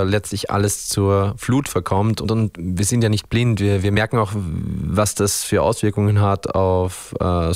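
Low-voiced Austrian man, thoughtful. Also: a little mellow, dry recording, studio quality. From Upper Austria. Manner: thoughtful, searching for words, many restarts. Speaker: band frontman, guest. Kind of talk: radio interview.

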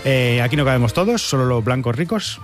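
A man's voice: mid-range voice, expressive, a little fast, soft background music. A man from hosting a satirical news commentary, with ironic, sarcastic asides. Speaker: host.

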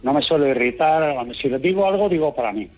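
A middle-aged man from Extremadura, raised in Madrid, calling in to a radio show, calm and unhurried as he tells his stories. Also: fairly high pitch, loud music behind the voice. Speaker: caller. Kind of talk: phone-in chat. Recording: dull phone-line sound.

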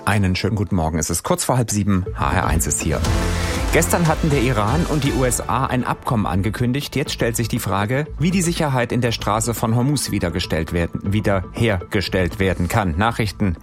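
A man's voice: on the low side, animated, brisk. Male morning radio host over music. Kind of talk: upbeat radio presenting. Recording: music playing behind the voice.

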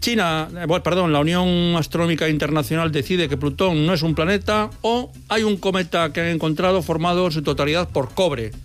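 A man's voice: on the high side, fairly quick, hardly any pauses. A man hosting a radio quiz segment, reading out true-or-false news items in a playful, self-mocking way. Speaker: quiz host.

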